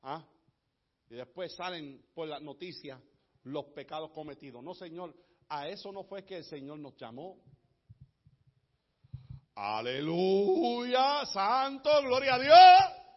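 A man preaching a sermon in a church, moving from quiet storytelling to impassioned shouting. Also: normal speed. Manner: builds from low murmur to impassioned shouting. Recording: dull lo-fi church livestream audio.

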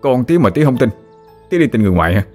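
A man's voice: mid-range voice, sing-song, racing, darkish tone, faint music behind, pitched above the performer's own voice. A man with a Southern Vietnamese accent voicing an exasperated grown son who protests against his father. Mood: protesting. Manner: protesting, raised voice.

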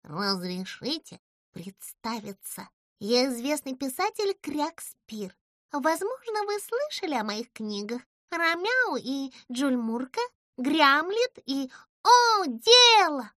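A little duckling author, puffed up and boastful, whose voice squeaks very high and sparkles with brightness. He swoops up and down as he grandly reels off his achievements, voiced by a woman reading a storybook. The sound is close and dry. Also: big pitch swings, slow, dry recording, heavily acted. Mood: proud. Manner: grandly reeling off book titles. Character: pompous little duckling writer, male, boastful.

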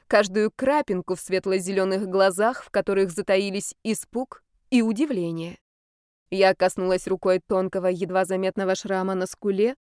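A woman's voice: mid-range voice, a little mellow, smooth, dry recording. Woman reading a story, dry sound. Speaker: audiobook narrator. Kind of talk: first-person storybook narration.

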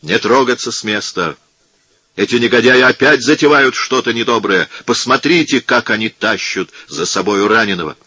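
A man voicing an angry shouting crowd. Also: fairly low pitch, expressive, slow pace, slightly rough, pitched above the performer's own voice, heavily acted. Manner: shouting, accusing.

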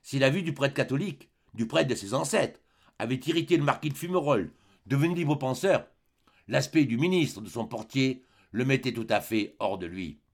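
Gravelly male audiobook narrator. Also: medium pitch. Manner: measured, dramatic storytelling. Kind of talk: scripted literary narration.

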